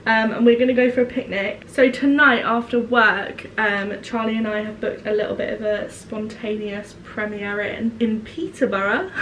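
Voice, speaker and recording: A young woman talks to her vlog camera in a loose, rambling way, her voice pitched a touch high and a little woozy from being unwell. A faint hiss of background noise sits under her chatter. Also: a bit bright. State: a little woozy after illness. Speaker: vlogger. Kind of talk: casual vlog chat.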